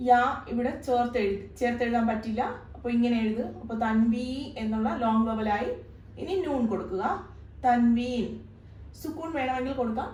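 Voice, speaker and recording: A woman tutor explains a lesson in a patient, methodical way, going over each point more than once. Her voice sits a little high. She is recorded at some distance from the mic in an echoey room. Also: mellow. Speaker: Arabic tutor. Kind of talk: step-by-step lesson.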